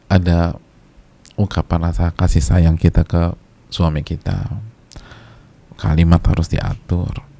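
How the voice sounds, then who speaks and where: A male preacher with a low, dark voice delivers a casual religious lecture in a conversational way. He repeats key phrases for emphasis and now and then chants short religious verses.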